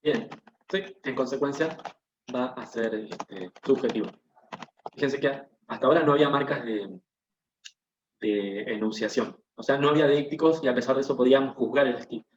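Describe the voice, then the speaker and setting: Teacher in an echoey online class. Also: male voice, medium pitch, moderate pace, slight background noise. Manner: explanatory, often checks in with the class. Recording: echoey, dull lo-fi video-call audio.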